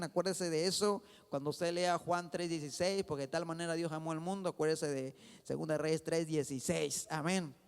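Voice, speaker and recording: A man's voice: a little high, smooth. A pastor preaching a sermon, fervently calling on his congregation and addressing them again and again as brother. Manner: fervent preaching, repeats "hermano", calls congregation to answer. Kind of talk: Spanish-language sermon. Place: church sanctuary. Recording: long church reverb.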